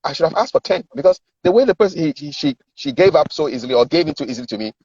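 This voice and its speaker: Fast and husky, with lively intonation and a darkish tone on the high side, a middle-aged Ghanaian-accented man coaches on communications and sales in an interview. He explains, acts out dialogue and repeats words for emphasis, recorded with a roomy echo and muffled lo-fi quality.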